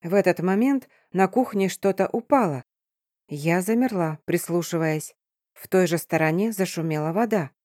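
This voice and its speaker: Dark-voiced young woman reading an audiobook. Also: on the low side, moderate pace, no room sound, clean studio sound. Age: young adult. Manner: expressive, with soft dips for whispers and thoughts. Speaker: audiobook narrator. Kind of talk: first-person audiobook narration.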